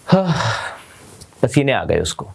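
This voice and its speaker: A man's voice: mid-range voice, sing-song, slow, creaky, a little mellow, breathy edge. A man from India teaching an English story, explaining English words in Hindi and checking in with his class.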